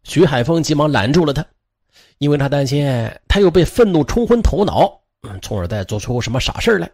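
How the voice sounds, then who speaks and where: Male true-crime storyteller, husky voice, animated delivery, chatty asides. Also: a little high, a little fast. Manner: lively, with frequent fillers and moralizing asides. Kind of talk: dramatic crime story narration.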